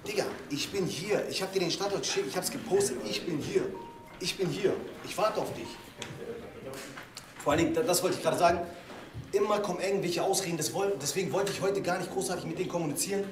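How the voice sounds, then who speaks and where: A young man talks fast and high into a live stream out on the street. His slangy, restless words repeat as he waits. The sound is echoey and distant, with clear background noise. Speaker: streamer waiting for a fight. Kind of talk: excited live-stream talk.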